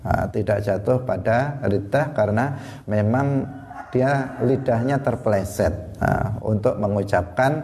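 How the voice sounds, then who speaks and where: A man's voice: mid-range voice, slow, dark tone. A man giving an Islamic study lesson, explaining step by step with examples and rhetorical questions. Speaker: religious teacher.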